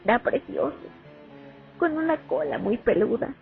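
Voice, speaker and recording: In a student radio drama, an actress plays a young Soviet sniper haunted by memories of the war, delivering a heavily acted first-person monologue. Her voice is high and gravelly with lively intonation at a normal pace, and her mood is weary and reflective. Faint music plays behind her on a muffled, phone-like recording.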